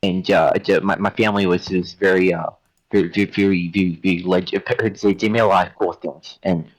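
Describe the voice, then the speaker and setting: A man's voice: low-pitched, fairly even intonation, a little fast, rough recording. A man voicing a nervous, embarrassed male half-elf wizard who stammers and repeats words. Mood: flustered. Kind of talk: tabletop role-play in character.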